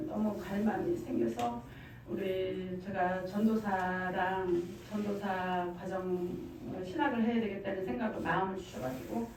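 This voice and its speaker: A woman's voice: mid-range voice, a little mellow, slight background noise. A middle-aged woman giving a fervent church testimony, emphatic and repeating her phrases. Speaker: testimony speaker. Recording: very echoey room, far from mic.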